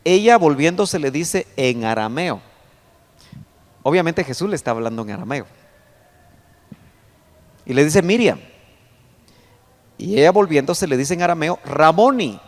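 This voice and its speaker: A male pastor teaching a Bible study sermon, explaining verses slowly, pointing at a chart and reading scripture aloud with rising emphasis. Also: a little high, expressive. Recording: long hall reverb.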